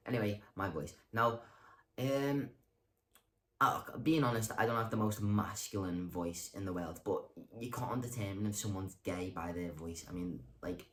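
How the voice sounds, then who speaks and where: Speaking directly to the camera, a young vlogger with a low voice rambles through a casual monologue. He hesitates with lots of ums, restarts, and corrects himself, and his self-mocking jokes land deadpan. There's faint background noise.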